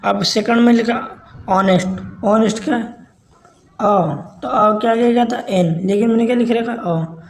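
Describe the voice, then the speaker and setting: A man's voice: sits high, unhurried, creaky, a little hiss or hum, rough recording. A man teaching a grammar lesson, who poses questions and answers them himself and keeps checking in with his listeners.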